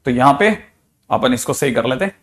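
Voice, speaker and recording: A man's voice: mid-range voice, animated, brisk, fairly bright tone. A man, a physics teacher giving a chatty, playful lecture. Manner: chatty, playful, with mixed Hindi-English math terms.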